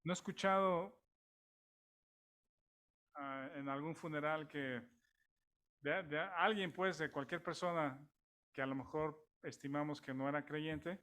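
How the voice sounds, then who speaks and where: A man's voice: a little high, a little slow, pauses often, bright, forceful tone. A man with a Mexican accent preaching a sermon in a conversational way, with many restarts and rhetorical questions to the congregation.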